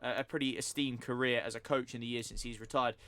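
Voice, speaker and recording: A man's voice: mid-range voice, little pitch movement, pushed and bright. A male radio presenter running down sports news and giving his view in a studio discussion. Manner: fast, fluent news rundown with opinions.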